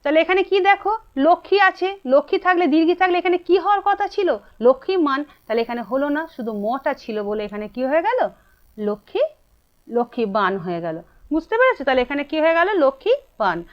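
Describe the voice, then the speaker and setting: A woman with a Bengali accent teaching a grammar lesson, asking her students questions and answering them herself. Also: high-pitched. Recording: dull lo-fi sound.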